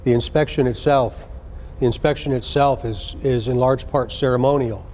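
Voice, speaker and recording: A man, a senior police official, gives an earnest, deliberate address to recruits, repeating key phrases for emphasis. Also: mid-range voice, fairly even intonation, a little mellow, a little hiss or hum.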